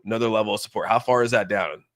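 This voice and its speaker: This livestream host speaks very fast in a voice on the low side, rambling informally about crypto markets, thinking aloud, and reacting to viewers. The recording is dry and studio quality.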